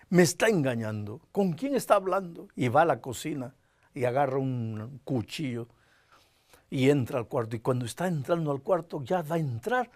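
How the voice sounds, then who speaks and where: A man's voice: medium pitch, a little mellow, dry recording, clean studio sound. A man preaching a sermon, telling a story dramatically and acting out the voices of the people in it. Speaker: pastor.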